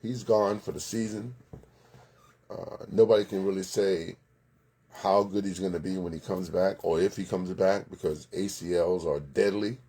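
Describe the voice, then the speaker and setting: Chatty opinionated sports host. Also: male voice, low-pitched, fairly even intonation, normal speed, warm tone, husky. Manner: chatty, opinionated, greets viewers by name. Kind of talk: casual live sports commentary.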